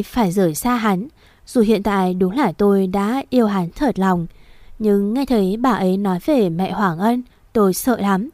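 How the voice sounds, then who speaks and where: A woman's voice: medium pitch, warm tone, dry recording. A woman narrating a first-person romance story aloud in an emotional, tearful manner.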